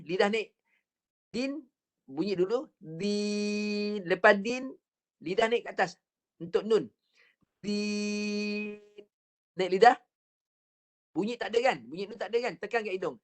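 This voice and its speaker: A high-sitting voice belongs to a Malay man giving a patient online recitation lesson, heard through a computer mic on a video call. He repeats drills with counted practice and shows the recitation by drawing words out very slowly.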